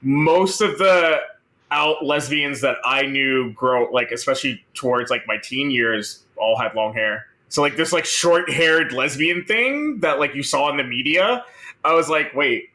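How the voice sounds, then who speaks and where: A man's voice: medium pitch, a little slow. A man in his thirties co-hosting a podcast, chatting casually and teasing the others with frequent laughter. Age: 30s. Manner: animated, teasing, laughs often. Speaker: podcast co-host. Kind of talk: casual chat.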